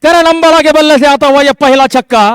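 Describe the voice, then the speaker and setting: A man giving live ball-by-ball cricket commentary, with excitable, drawn-out calls on the big moments. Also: extremely high pitch, no room sound, studio quality.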